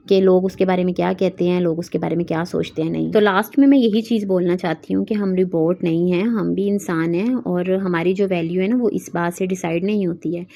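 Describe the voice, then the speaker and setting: A woman's voice: on the low side, gravelly, warm tone. A woman, giving casual, earnest advice to wives as a vlogger and mixing in English words. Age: 30s. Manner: earnest, mixes English words into Urdu-Hindi speech.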